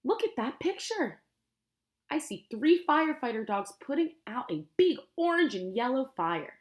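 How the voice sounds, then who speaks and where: An American preschool teacher reads a picture book aloud, using simple, expressive words and asking the young children questions. Her voice sits high and she speaks at a normal speed.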